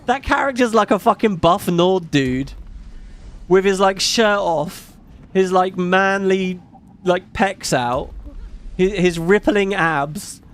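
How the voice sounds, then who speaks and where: A middle-aged man with a British accent speaks at a slow pace during a casual live stream chat. His voice is fairly high rather than macho, and he tends to ramble and drop casual swears.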